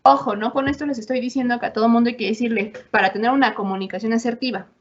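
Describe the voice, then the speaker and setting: A woman with a Mexican accent giving a relaxed lecture, talking conversationally and acting out little quoted exchanges. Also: on the high side, rapid-fire. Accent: Mexican Spanish. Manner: conversational, acts out quoted voices, frequent tag questions. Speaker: university lecturer. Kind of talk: informal lecture. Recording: dull lo-fi audio.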